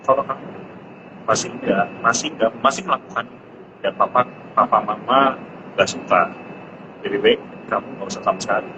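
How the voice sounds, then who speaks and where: A man in his thirties, a parent sharing parenting tips in a casual live-stream chat, who jumps into a high pitch to mimic his child. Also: moderate pace, pauses often. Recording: muffled live-stream audio with background noise.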